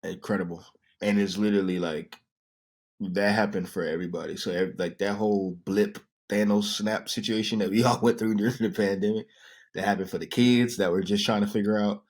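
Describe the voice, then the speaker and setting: A man in his thirties co-hosting a podcast, telling stories in a relaxed, casual way with plenty of fillers. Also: on the low side, fairly quick. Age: 30s. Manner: relaxed storytelling, many fillers. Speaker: podcast co-host. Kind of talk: casual chat.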